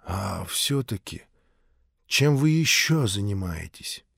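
A man voicing a timid, bewildered Martian man in an audiobook, speaking quietly and hesitantly. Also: lowish voice, big pitch swings, slow, gravelly, breathy edge, dry recording, studio quality, pitched below the performer's own voice, full character voice.

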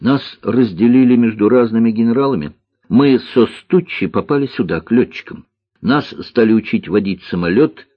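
Guy putting on a little boy pilot voice, earnest and a bit sad, pitched up and lively, husky, dull dry recording. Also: moderate pace, no echo, natural voice. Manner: earnest storytelling, sighing.

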